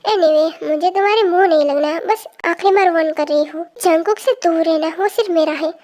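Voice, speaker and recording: A woman's voice: extremely high pitch, a little fast, darkish tone. A woman voicing a jealous, haughty senior college girl in a fan story voice-over, talking down to others and making threats. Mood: threatening. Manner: condescending and threatening.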